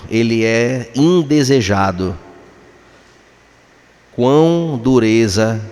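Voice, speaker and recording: A man with a Brazilian Portuguese accent, preaching a sermon as a pastor, passionate and emphatic, at times rising almost to a shout. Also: mid-range voice. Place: church sanctuary. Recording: long hall reverb.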